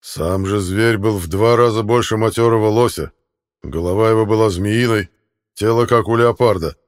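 A man voicing a proud king who holds back his anger, speaking slowly and solemnly. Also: fairly low pitch, lightly acted. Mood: grave, restrained fury. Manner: slow, solemn and measured. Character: angry old king hiding his fury.

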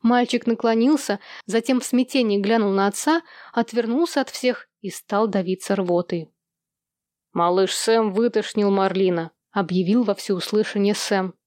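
Female audiobook narrator, mid pitch, dry close sound. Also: moderate pace, a little mellow, no echo. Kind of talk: scripted narration.

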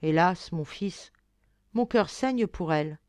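A woman voicing a gentle, caressing fairy. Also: fairly low pitch, expressive, takes it slowly, dry recording, studio quality. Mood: tender. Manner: soft, caressing and grave.

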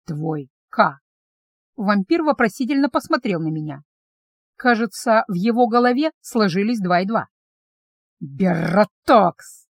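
A woman's voice: a little high, expressive, normal speed, dry recording. A woman narrating a novel in the first person as an audiobook reader, in an intimate, tense storytelling manner, close to the microphone.

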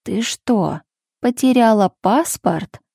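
A woman's voice: a little high, animated, slow, creaky, dark tone, slightly rough, no echo, studio quality, full character voice. A woman voicing a cold, defensive older mother who answers in raised, indignant exclamations, in a storybook reading.

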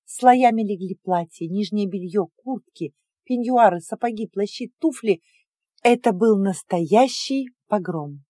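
Audiobook narrator: woman, first-person, expressive, mellow, dry close recording. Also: medium pitch, measured pace, no echo. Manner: expressive, emotional storytelling.

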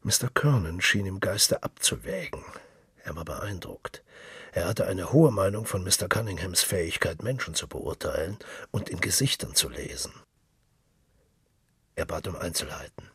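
A man narrating a literary radio reading in a measured way. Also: sits low, animated, a bit bright, husky, no room sound, clean studio sound.

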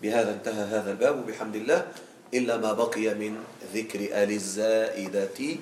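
A man's voice: on the low side, steady tone, brisk, darkish tone. A man teaching Arabic grammar in a classroom, explaining patiently and often checking that students follow. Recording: echoey classroom, faint background noise.

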